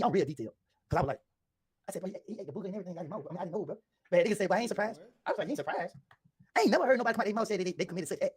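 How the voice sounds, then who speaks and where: A man in an interview, telling his story in a defensive, insistent way with a husky voice. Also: sits high, no room sound.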